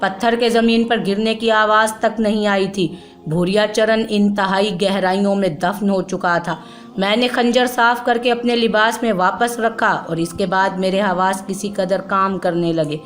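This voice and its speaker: A woman narrating a novel in a steady, measured storytelling voice. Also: mid-range voice, faint music behind.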